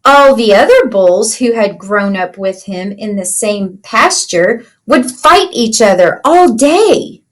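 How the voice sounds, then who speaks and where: Slow, high-voiced woman reading to children. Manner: simple, explanatory, checks in with young listeners. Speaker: teacher reading aloud to children. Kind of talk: children's storybook read-aloud with explanations.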